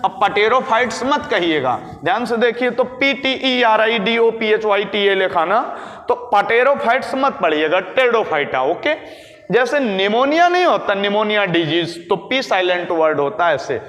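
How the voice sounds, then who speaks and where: Guy teaching bio in a high voice, asks then answers himself, big echoey room. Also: big pitch swings, a bit bright. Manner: explains slowly, asks and answers his own questions. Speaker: biology teacher. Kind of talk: classroom-style lecture. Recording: echoey room with long reverb.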